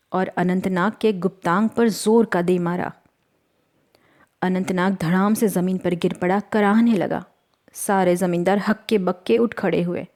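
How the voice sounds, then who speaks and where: A woman storyteller reads her serialized novel with earnest drama. Her voice sits at an ordinary middle pitch. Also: darkish tone. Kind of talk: scripted dramatic narration.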